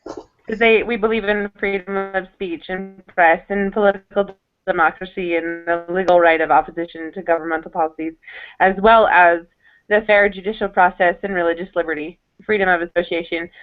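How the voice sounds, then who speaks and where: A woman's voice: lowish voice, steady tone, fairly quick. A woman arguing the humanist side of a debate over a video call, her audio clipped and breaking up. She explains her points one by one in an earnest way. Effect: clipped, breaking-up phone-line audio. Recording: tinny call line with faint music.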